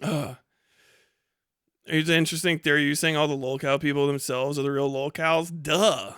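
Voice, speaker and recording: A man with a fairly high, clean-toned voice rants off the cuff to his livestream chat at normal speed, swearing constantly in a mocking, animated way. The recording is dry and close, like a streaming mic.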